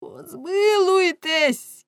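A woman voicing a wounded old male werewolf fishmonger who begs for mercy in a slow, wailing voice. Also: medium pitch, steady tone, darkish tone, dry recording, pitched above the performer's own voice, natural voice. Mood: frantic.

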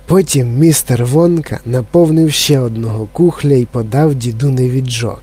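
Man, storybook narration, mellow dark tone, slightly husky, calm. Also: mid-range voice, moderate pace. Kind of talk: storybook reading.

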